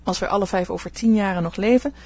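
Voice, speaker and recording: A woman reading an audiobook, voicing an outspoken, restless teenage girl who dreams of fame, with a slightly husky voice. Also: medium pitch, quick pace, mellow, lightly acted. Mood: eager. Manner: eager, outspoken.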